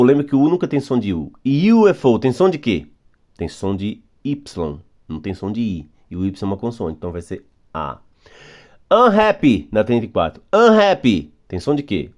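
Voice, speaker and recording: A man with a Brazilian Portuguese accent teaches a recorded English grammar lesson for beginners, patiently repeating words slowly. His voice is mid-range with a darkish tone.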